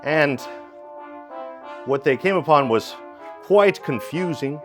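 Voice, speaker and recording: Male storyteller for a one-man puppet musical, slow, animated, off-the-cuff asides. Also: fairly high pitch, faint music behind. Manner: unhurried, with improvised asides. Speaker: narrator and performer.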